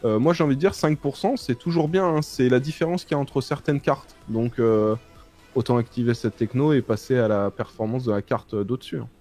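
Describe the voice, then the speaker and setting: Mid-voiced man, relaxed co-host reading tech news. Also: mid-range voice, fairly quick, faint music behind. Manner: relaxed, reads out news with hesitations. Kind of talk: casual tech news chat.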